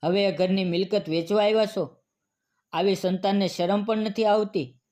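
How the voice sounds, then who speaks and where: Indignant villagers rebuking two neglectful sons, read by a man in a high voice. The reading is reproachful and scolding, in a plain storybook manner. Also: steady tone, normal speed, darkish tone, close to an everyday voice. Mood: angry scolding.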